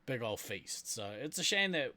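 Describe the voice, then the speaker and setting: A man's voice: mid-range voice, very animated, moderate pace, bright, forceful tone. A man with a New Zealand accent co-hosting a podcast in casual, rambling chat, laughing often. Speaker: podcast co-host.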